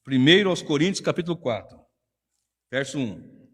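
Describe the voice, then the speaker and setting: Lively preaching man with Brazilian accent. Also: fairly high pitch, moderate pace, slightly rough. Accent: Brazilian Portuguese. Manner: emphatic, conversational preaching with rhetorical questions. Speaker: pastor. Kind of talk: sermon. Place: church hall. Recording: long church reverb.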